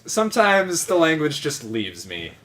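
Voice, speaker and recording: Animated wry man playing a game. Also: on the high side, unhurried. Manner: wry, incredulous, easily amused. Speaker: let's play host playing the game. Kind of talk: casual let's play banter.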